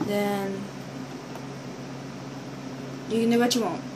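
This young teenage girl speaks slowly in a steady, medium-pitched voice, chatting casually and rambling to the camera as she shows toy builds. The recording is noisy amateur webcam audio from a built-in device mic at arm's length in a small bedroom indoors.

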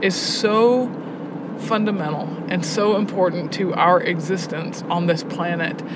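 Heading a prison arts education program and teaching poetry, she gives an interview in a relaxed way, her voice steady and unhurried. Her points land emphatically and thoughtfully, in a teacherly manner, while the noisy location recording picks up clatter and rumble behind her.

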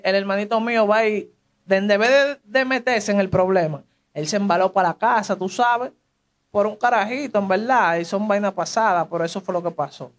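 Animated young Dominican man, high voice. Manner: animated street slang, acts out quoted voices. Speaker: interviewee telling his life story. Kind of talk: casual testimony.

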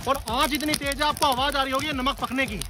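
A man's voice: extremely high pitch, fairly even intonation, fairly quick, background noise. A male food vlogger touring an outdoor factory, narrating eagerly to viewers and quizzing the workers. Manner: enthusiastic, addresses viewers as guys, asks workers questions. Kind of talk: on-location factory tour narration and interviewing.

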